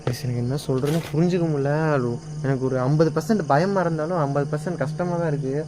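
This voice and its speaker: A man's voice: a little high, quick pace, music in the background. A man ghost-hunting in an empty house at night, fearful and pleading as he calls out to a spirit.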